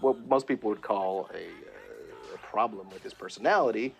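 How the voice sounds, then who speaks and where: A man, a voice actor, talking in a casual interview in an animated way, often laughing. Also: fairly low pitch, moderate pace, vocal fry, soft background music. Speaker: voice actor guest.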